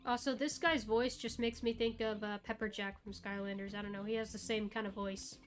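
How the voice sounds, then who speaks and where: A woman talks casually while she streams a game. She thinks aloud and answers chat in a mid-range voice. Game music runs clearly in the background. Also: medium pitch, fairly even intonation, brisk. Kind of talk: casual gameplay commentary.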